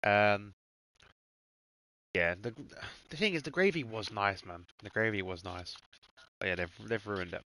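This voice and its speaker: A man's voice: lowish voice, measured pace, long pauses, sharp tone, a little hiss or hum, low-quality recording. A man streaming a racing game, chatting casually and swearing freely while he eats. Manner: laid-back, swears freely, talks to his dog and chat.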